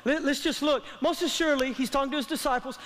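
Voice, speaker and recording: Speaking at a quick pace in a very high, slightly bright voice with fairly even intonation, a man preaches a sermon as pastor. He's emphatic, colloquial and repetitive, calling for response, from a large indoor church auditorium stage, and the stage sound system gives the recording a long hall reverb.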